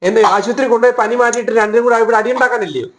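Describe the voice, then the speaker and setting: A woman's voice: a little high, very fast, close to an everyday voice. A woman playing a weary mother who grumbles and brushes off her squabbling children in a home-video skit. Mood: scolding. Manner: grumbling, brusque and dismissive. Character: weary, scolding mother fed up with squabbling kids. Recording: noisy home recording with clicks.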